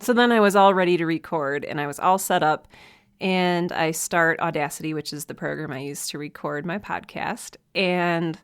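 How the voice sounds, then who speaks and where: A woman from the American Midwest hosts a casual solo podcast from her hot home office, speaking at normal speed in a low, smooth voice. She's chatty and self-deprecating, laughs often, and uses a desk mic with headphones.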